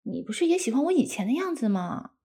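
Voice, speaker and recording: Woman acting a breathy, coquettish young wife. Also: sits high, sing-song, quick pace, mellow, heavily acted. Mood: teasing. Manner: cutesy, pouty, wheedling. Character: coquettish, doting young wife, a flight attendant. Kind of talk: intimate audio role-play.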